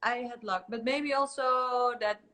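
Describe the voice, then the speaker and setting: Bright-voiced woman with a Chilean accent. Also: a little high, fairly even intonation, unhurried. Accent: Chilean Spanish. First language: Spanish. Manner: hesitant, many fillers, giggly. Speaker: guest singer. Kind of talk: casual interview chat.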